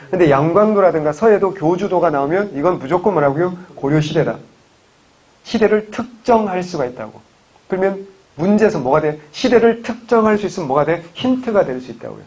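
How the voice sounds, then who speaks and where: A man's voice: fairly high pitch, a little mellow, husky, rough recording. A man from Gyeongsang province teaching history for an exam-prep course, firing questions at the class and answering them himself. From Gyeongsang province, Korea. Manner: quizzing, answers his own questions. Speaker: history lecturer.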